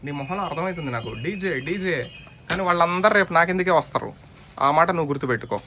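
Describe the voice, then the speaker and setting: A man's voice: a little high, animated, fast, pushed and bright. A man doing comic banter in a playful, teasing, mock-indignant way, with faint background noise. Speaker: comic vlogger.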